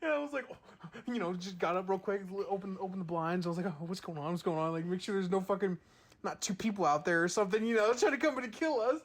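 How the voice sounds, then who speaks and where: A man's voice: high voice, lively intonation, quick pace. Young man telling a story loosely. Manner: loose storytelling, swearing freely, acting out quotes. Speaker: podcast co-host. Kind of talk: casual chat.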